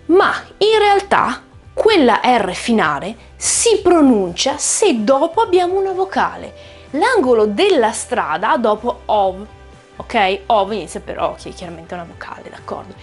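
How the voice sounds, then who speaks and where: With faint music in the background, a woman whose first language is Italian gives a lively English pronunciation lesson. Her voice is on the high side and husky, and she slows to draw out and repeat the example words as she explains.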